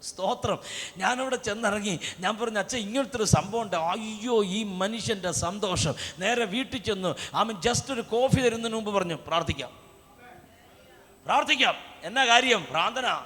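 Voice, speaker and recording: A man preaches at a revival meeting, moving from storytelling into fervent shouting. His voice sits very high and cuts through sharply. The live recording carries a long, echoing reverb. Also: moderate pace. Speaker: pastor. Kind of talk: Pentecostal revival sermon. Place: large outdoor revival meeting hall. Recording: reverberant live event sound.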